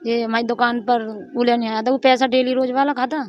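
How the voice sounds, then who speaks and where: High-pitched woman, rural, rambling on about her money to a reporter. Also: little pitch movement, fairly quick, no room sound, lo-fi sound. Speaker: fraud victim interviewed. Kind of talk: on-the-spot interview.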